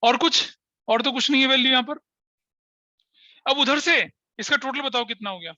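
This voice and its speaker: A man's voice: extremely high pitch, moderate pace, pushed and bright, no room sound, muffled recording. A middle-aged man teaching an accountancy class, talking straight to his students, mixing Hindi and English terms, joking and scolding by turns. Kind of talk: online class lecture.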